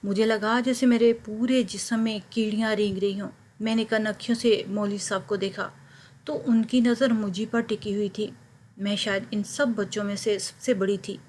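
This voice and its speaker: A woman narrating a first-person story in a steady, earnest storytelling manner. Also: mid-range voice, moderate pace.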